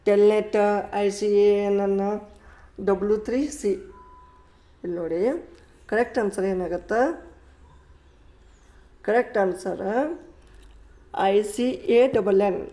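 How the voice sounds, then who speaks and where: A man's voice: high-pitched, fairly even intonation, dark tone. A man teaching an exam-prep lesson, repeating points and reading English questions out word by word. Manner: slow, repetitive, reads English questions word by word. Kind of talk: classroom-style exam lecture. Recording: echoey room.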